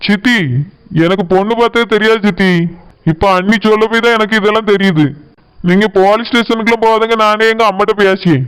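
A man's voice: sits high, fairly even intonation, fairly quick, a bit bright, clear, resonant tone, poor audio. A man voicing a mild, peacemaking young village man in a cartoon, with a Tirunelveli Tamil accent. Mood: placating. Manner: soothing, placating. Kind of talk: cartoon voice acting.

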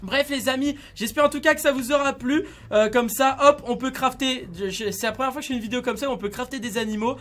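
A man giving casual, excitable commentary on a video game, chatting to his viewers like friends. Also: extremely high pitch, fast, hardly any pauses. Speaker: gaming YouTuber.

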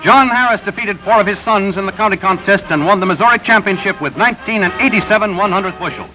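A man reading scripted newsreel narration in a brisk announcer delivery, heard through an old 1930s newsreel soundtrack. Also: high-pitched. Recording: dull lo-fi 1930s newsreel with music. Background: music bed.

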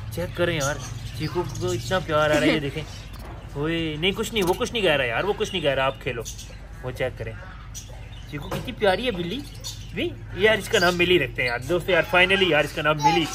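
A young man chats playfully as he films his pets at home. He scolds and coaxes the animals in a casual vlog style. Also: on the high side. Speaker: pet and bird vlogger. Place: home yard with pet cages. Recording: outdoor recording with loud birdsong.

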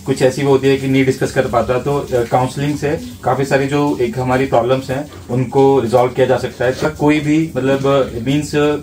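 A male interviewer asks questions in a flat, even voice, stopping and restarting with fillers. He sounds somewhat distant from the mic, with faint background noise. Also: mid-range voice. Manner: halting questions with many fillers. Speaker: interviewer and channel host.

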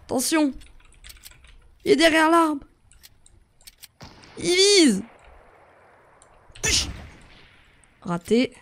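A young man giving excitable gameplay commentary as a YouTuber, jumping between yelps and muttering to himself. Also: very high-pitched, extremely slow, long pauses. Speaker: gaming YouTuber.

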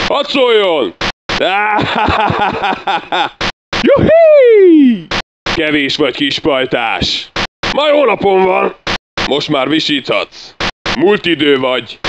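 Man doing a brash game soldier, high lively voice, crude taunts, lo-fi, hissy. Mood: taunting. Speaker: game character voice lines. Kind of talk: fan-made game dub shouts and taunts. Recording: dull lo-fi recording with noise.

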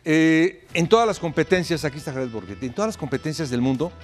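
A man's voice: on the high side, expressive, quick pace, soft background music. An older man with a Mexican accent, a soccer pundit arguing emphatically in a studio debate. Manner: emphatic, laughs while pleading.

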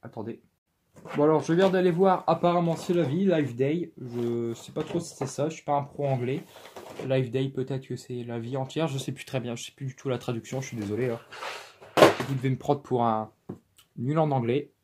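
A man's voice: mid-range voice, a little fast, a little mellow, a little hiss or hum. A man hosting a casual unboxing vlog, thinking aloud and counting hesitantly. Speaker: toy-unboxing YouTuber.

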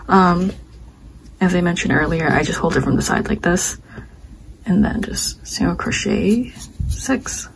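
A young woman walks viewers through a crochet pattern, calmly counting stitches as she works. Her voice sits low with a gravelly fry and a touch of hoarseness. A faint hiss runs under the recording. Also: poor audio. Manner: calm, talks while working, counts stitches aloud. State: slightly hoarse. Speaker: crochet instructor. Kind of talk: step-by-step craft tutorial.

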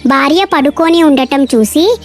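A woman narrating a children's cartoon story in a bright storytelling way. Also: sits high, unhurried, soft background music.

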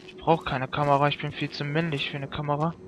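A man's voice: on the high side, level tone, fast, slight background noise. A man giving jokey, self-mocking running commentary while playing a game, yelping when startled. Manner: yelps and shouts when startled. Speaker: let's play gamer. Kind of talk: let's play commentary.

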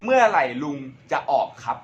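A man's voice: brisk, lo-fi sound. A young man hosting a casual Q&A vlog, joking and using crude slang. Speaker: vlogger.

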